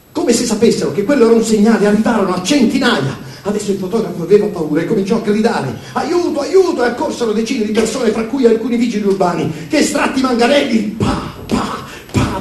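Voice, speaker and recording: A man with a high voice tells a story with energy and throws in spoken sound effects. He sits some distance from the mic in an echoey room, with a faint background hum. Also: darkish tone. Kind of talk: animated storytelling.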